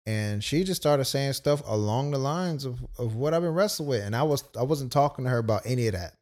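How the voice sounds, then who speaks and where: A man's voice: mid-range voice, lively intonation, fairly quick, a little mellow. A young man casually telling a personal story as a podcast co-host, loose and full of quoted asides. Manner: laid-back, storytelling with many "like"s and quoted asides.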